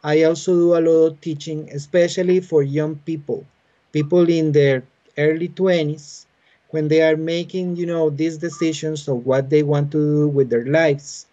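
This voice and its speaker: Speaking English with a Spanish accent, a soft, warm-voiced Costa Rican man in his forties, pitched a little high and steady in tone, answers interview questions by explaining things. As a biologist and university teacher, he talks patiently, in halting fashion, pausing on lots of "uh"s. His laptop webcam on a video call makes him sound muffled, from a home room with bookshelves.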